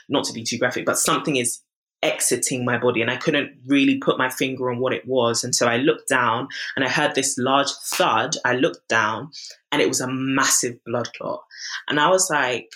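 A woman's voice: extremely low pitch, normal speed. A young woman in her twenties, candidly recounting a personal health story as a podcast guest, acting out the people she quotes. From Britain. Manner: candid, animated, acts out quoted voices.

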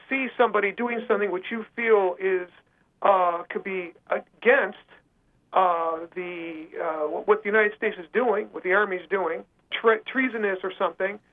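Over a phone line, a high-pitched man tells his own story as an interview guest. His delivery is halting but earnest.

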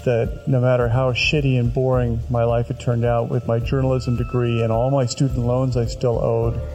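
A man's voice: mid-range voice, level tone, moderate pace, dark tone. A man, an author, telling wry personal anecdotes and acting out the remarks he quotes. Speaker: author telling the story behind a novel. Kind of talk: anecdotal storytelling. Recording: music laid under the voice. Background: background music.

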